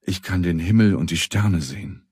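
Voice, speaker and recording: A man voicing a gentle old carved meeting house that speaks softly and wistfully in a children's story. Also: deep voice, moderate pace, husky, no echo, studio quality. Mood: happy. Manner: soft, wistful.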